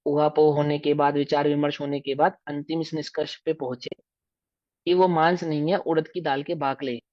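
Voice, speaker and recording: A man's voice: on the high side, no echo. A man with a Hindi accent teaching a scripture lesson, explaining at length and putting questions to his listeners before he answers them. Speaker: religious teacher. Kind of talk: scriptural lecture to a class. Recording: dull dry lo-fi recording.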